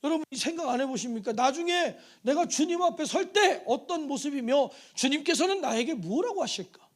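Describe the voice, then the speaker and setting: Animated high-voiced male preacher. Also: brisk. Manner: animated preaching, acts out voices, calls to congregation. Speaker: pastor. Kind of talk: sermon. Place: church sanctuary.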